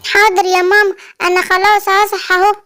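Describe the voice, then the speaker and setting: A woman's voice: level tone, quick pace, pushed and bright. A woman with an Egyptian accent voicing a worried, chatty little boy monkey in a children's cartoon story. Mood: puzzled. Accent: Egyptian Arabic. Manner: squeaky childlike voice.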